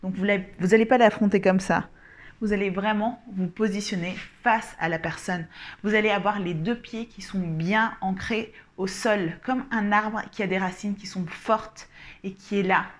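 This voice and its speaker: Calm woman coaching self-assertion. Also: mid-range voice. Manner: calm, deliberate and explanatory; gestures while explaining. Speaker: communication coach. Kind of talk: instructional coaching talk to camera.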